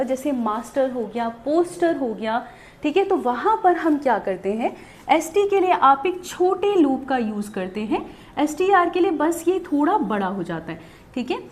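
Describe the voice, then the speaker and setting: Lively high-voiced woman teaching shorthand. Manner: explains step by step, asks questions then answers them. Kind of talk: video lesson.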